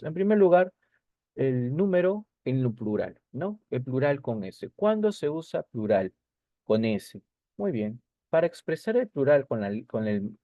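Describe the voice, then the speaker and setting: A man's voice: medium pitch, no room sound. A male teacher explaining grammar rules, often checking whether the class follows and correcting himself, on a dull lo-fi recording. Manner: explanatory, with frequent checking questions and self-corrections. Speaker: language teacher.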